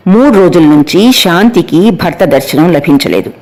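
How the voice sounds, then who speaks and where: A man narrating a novel as an audiobook in a measured, steady storytelling manner. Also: a little high.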